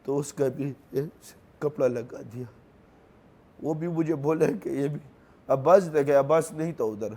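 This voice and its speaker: Grief shapes this interview, where a young man from Khyber Pakhtunkhwa, Pakistan, relates what happened in halting phrases he keeps repeating. A native Pashto speaker, he carries a Pashto accent. His pitch is fairly high and slightly mellow.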